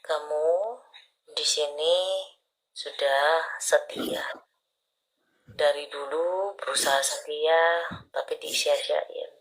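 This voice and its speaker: A woman's voice: low-pitched, little pitch movement, slow, pauses often, poor audio. A woman doing palm readings for a caller on a live stream, talking intimately and often dropping to a whisper. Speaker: palm reader.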